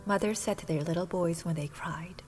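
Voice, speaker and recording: A woman whose first language is Korean, calmly reading a fairy tale aloud in a soft whispered role-play. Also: fairly low pitch, normal speed, soft background music, poor audio. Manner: calm, soft whispered narration.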